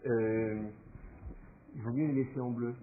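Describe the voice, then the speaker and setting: A man's voice: mid-range voice, steady tone, unhurried, narrow, tinny audio, slight background noise. A man teaching a class, explaining patiently and thinking aloud with fillers as he goes. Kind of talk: classroom lecture.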